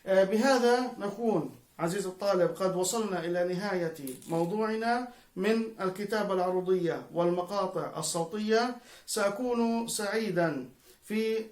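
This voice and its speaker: A male teacher, patiently giving a video lesson and spelling out syllables one by one for the student. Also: high voice. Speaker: Arabic teacher. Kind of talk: video lesson on Arabic prosody. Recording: echoey room, mic far away.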